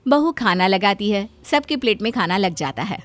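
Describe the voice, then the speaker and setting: A woman narrating a cartoon story in a lively storytelling manner. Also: mid-range voice, normal speed.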